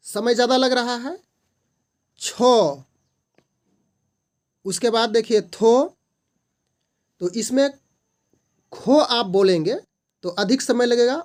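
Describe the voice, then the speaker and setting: A tutor explaining multiple-choice grammar questions, patiently repeating definitions and sounding out single letters and syllables one at a time. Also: medium pitch. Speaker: online tutor.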